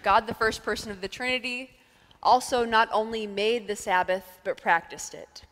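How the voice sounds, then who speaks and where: Woman preaching in a reverberant church. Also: on the high side. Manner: calm, measured preaching with thoughtful pauses. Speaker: pastor. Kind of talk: sermon. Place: church sanctuary. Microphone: headset mic. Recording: long reverb of a church sanctuary.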